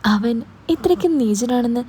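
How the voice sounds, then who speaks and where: A woman's voice: on the high side, expressive, moderate pace, mellow, husky. A woman voicing a caring young man who acts as a protective older brother, pressing with urgent, coaxing questions. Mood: concerned. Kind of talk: storytelling.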